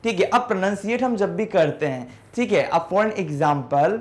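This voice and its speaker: A man's voice: sits high, expressive, measured pace. A man teaching an English class, explaining step by step and often checking in with students. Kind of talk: classroom lesson in Hindi with English words.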